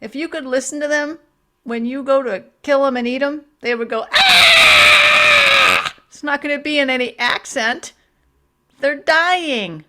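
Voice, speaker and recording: An indignant participant defending octopuses, played by a woman in improv. The voice is high and tense. She speaks with emphatic outrage. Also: moderate pace, a bit bright, slight background noise. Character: indignant woman who objects to eating octopus. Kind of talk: improv comedy.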